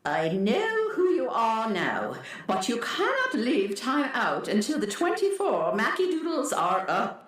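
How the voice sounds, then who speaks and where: Echoing, swooping stern Governess Gertrude. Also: female voice, on the high side, wildly swooping pitch. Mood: stern, haughty. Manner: imperious, haughty, deliberate. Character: stern, pompous alien governess, an unbending jailer. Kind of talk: children's radio comedy acting. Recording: heavily echoing voice.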